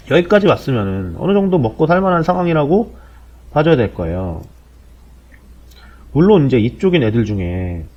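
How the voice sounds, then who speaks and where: Blunt man in his forties, lo-fi audio. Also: darkish tone. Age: 40s. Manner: blunt, sardonic, slangy. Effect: low-quality compressed audio. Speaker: podcast host. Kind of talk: casual explanatory monologue. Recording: dull low-bitrate lo-fi audio.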